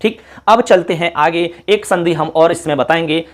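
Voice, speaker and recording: A man teaching a class at a board, patiently spelling out each example and repeating it slowly, often checking that the students follow. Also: fairly high pitch. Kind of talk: classroom lecture.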